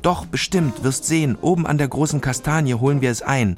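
A man's voice: mid-range voice, lively intonation, moderate pace, a little mellow, soft background music, pitched above the performer's own voice, natural voice. A man reading a children's story aloud, voicing an eager, brave young girl who talks in an urgent, insistent way.

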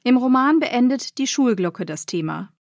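A woman narrating a scripted radio feature on literature, measured and explanatory. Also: on the high side, lively intonation, no echo, clean studio sound.

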